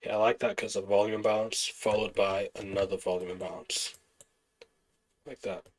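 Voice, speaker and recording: A man streaming live trading, talking through charts and answering chat questions in a relaxed, explanatory way. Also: fairly low pitch, normal speed, slight background noise, rough recording. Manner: relaxed, explanatory, thinking aloud over charts.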